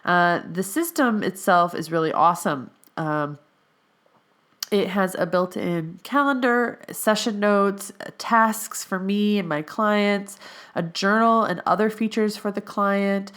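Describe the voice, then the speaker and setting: Speaking slowly at a medium pitch, a young adult podcast host delivers a casual solo monologue in a clear, resonant, fairly bright voice. Her allergies lend a slight nasal quality, and the health coach in training fills her chatty talk with plenty of fillers.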